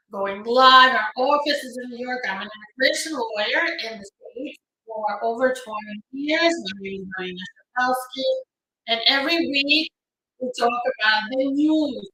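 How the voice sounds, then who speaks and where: In an echoey New York home or office, captured on a phone, a Ukrainian immigration lawyer chats with her live stream audience and greets people by name. Her voice is on the high side with a sharp tone, and she is upbeat with frequent fillers.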